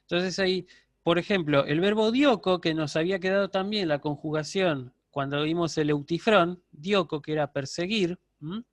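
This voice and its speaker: A man's voice: on the high side, moderate pace, no room sound. A man giving a university lecture online, explaining step by step and checking in with his students. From Argentina.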